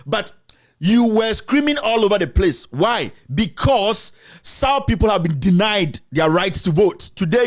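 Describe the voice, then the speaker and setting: A Ghanaian man hosting a show, delivering a heated, accusatory commentary full of repeated rhetorical questions. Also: high-pitched. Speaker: host.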